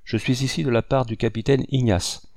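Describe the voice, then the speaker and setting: A man reading an audiobook, voicing a huge, brutal male conspirator who speaks gruffly and with contempt. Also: medium pitch, fairly even intonation, fairly quick, darkish tone, no echo, studio quality, voice pushed up, natural voice. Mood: scornful.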